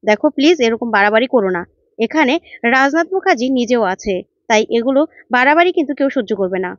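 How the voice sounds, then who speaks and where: A woman's voice: on the high side, animated, fast talker, no echo, natural voice. A woman voicing a level-headed young woman who pleads earnestly but firmly, in a dull, dry recording. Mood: pleading.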